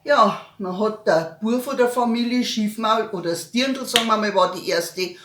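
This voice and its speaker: A woman's voice: mid-range voice, normal speed, reverberant. A woman comedian with a Bavarian accent, telling a joke at home in dialect. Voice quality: lively dialect storyteller.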